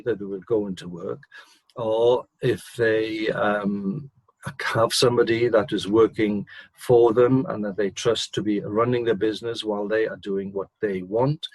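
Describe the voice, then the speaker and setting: Older man, low husky voice, dry close sound, measured answers, interview. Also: a little mellow, no room sound, low-quality recording. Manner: measured, hesitant with fillers and throat clearing. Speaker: managing director interviewed about business.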